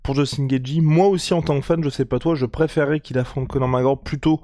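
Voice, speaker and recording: A man co-hosting a casual sports podcast, talking in an animated, colloquial way and thinking aloud. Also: mid-range voice, quick pace, no echo, clean studio sound. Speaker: podcast co-host. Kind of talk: casual chat about MMA.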